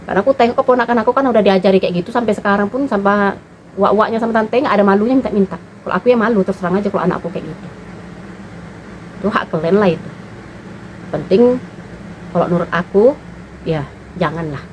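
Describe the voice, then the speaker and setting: Outspoken mother, casual vlog talk, blunt and lively. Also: mid-range voice, slight background noise, low-quality recording. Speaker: mother and vlogger. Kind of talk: casual monologue giving parenting opinions.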